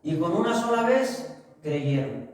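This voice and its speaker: High-voiced pastor preaching in an echoey church. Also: male voice, very animated, a little mellow. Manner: asks the congregation questions and answers them himself; slows down for emphasis on key phrases. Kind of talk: sermon with humorous anecdotes. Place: church sanctuary. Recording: echoey church hall, distant mic.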